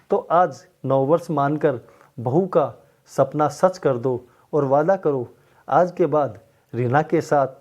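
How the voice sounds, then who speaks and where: A man's voice: on the high side, darkish tone. A man doing a jovial joking father-in-law. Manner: joking, playful.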